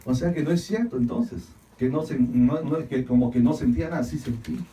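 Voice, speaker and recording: Man, pastor, preaching, dramatic loud and hushed swings, repeats phrases, calls on the congregation, mellow tone, distant echoey hall. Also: medium pitch, fairly quick. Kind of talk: sermon. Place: church hall.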